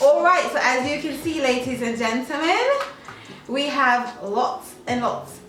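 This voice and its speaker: A woman's voice: sits high, a little slow, fairly bright tone. A young woman hosting a casual mukbang chat with friends, putting on a playful fake English accent and swearing freely. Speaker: YouTube host. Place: room shared with friends, eating at a table. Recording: roomy, distant mic, music behind.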